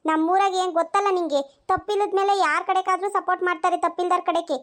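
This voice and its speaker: Brief: woman playing a bossy old grandmother in a village cartoon, quick high scolding. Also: fairly even intonation, fairly bright tone. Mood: stern. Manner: scolding, advising.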